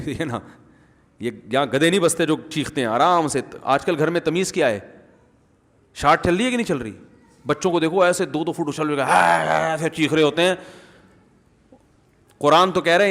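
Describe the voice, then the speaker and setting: A man giving a humorous, animated sermon, often asking the audience questions. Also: on the high side. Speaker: Islamic preacher. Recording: long hall reverb.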